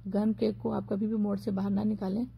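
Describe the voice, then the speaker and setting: A woman narrating her own cooking video as a voice-over, calmly explaining each step. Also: mid-range voice, fast, vocal fry, muffled recording, a little hiss or hum. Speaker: cooking vlogger.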